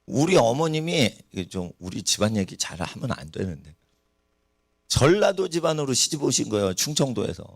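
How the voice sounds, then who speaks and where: A man's voice: mid-range voice, very animated, normal speed, dry recording, clean studio sound. A man preaching a sermon in a church, asking the congregation rhetorical questions. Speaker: pastor. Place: church sanctuary.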